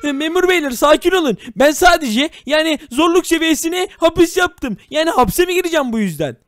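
Excitable man with a high voice. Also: brisk, no room sound. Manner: excitable, dramatic, exclaiming. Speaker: YouTuber narrating a game role-play. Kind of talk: comic game role-play narration.

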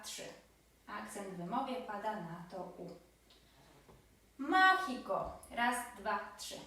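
A woman's voice: mid-range voice, a bit bright. A woman teaching a language lesson, explaining step by step and counting syllables aloud while stressing example words. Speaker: Spanish teacher. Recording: very echoey room, voice from a distance.

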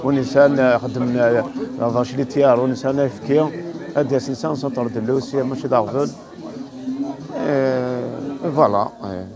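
A man in his thirties from a farm cooperative explains his work quickly in casual talk, mixing in French, at an outdoor fair stand on a lapel mic. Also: mid-range voice, fairly even intonation. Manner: quick, mixes French into speech. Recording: crowd noise behind.

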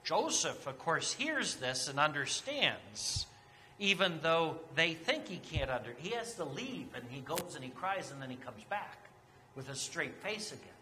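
A high, bright male voice preaching an unhurried, conversational sermon, retelling scripture in everyday speech. The sound rings with a long church reverb over a faint hum of room ambience. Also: big pitch swings. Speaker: pastor. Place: church sanctuary.

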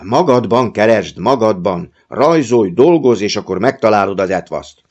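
A gruff old uncle roars and booms his words in sudden outbursts, as a male audiobook narrator puts him on. The voice sits a touch above the reader's own very low register. The recording sounds dull and lo-fi. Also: expressive, darkish tone. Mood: bellowing. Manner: bellowing, booming outbursts.

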